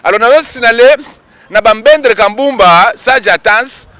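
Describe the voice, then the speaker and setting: Male street reporter, high-pitched and emphatic, dry close mic. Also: measured pace, pushed and bright, dry recording. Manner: emphatic, rhetorical call-and-response. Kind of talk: on-the-spot news commentary. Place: outdoors at a public event.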